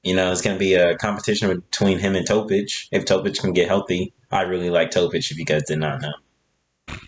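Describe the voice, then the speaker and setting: A young man with a fairly low voice co-hosts a sports podcast, talking in an easy, unhurried way. He works through a list of basketball contracts, adding offhand opinions as he goes. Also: slight background noise. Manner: relaxed, talks through a script of player deals. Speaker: podcast co-host. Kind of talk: casual sports chat.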